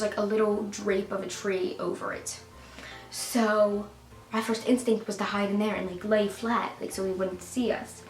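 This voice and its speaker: A woman casually telling a storytime tale, animated and full of "like" fillers, getting loud when she gets excited. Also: medium pitch. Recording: roomy echo with faint music.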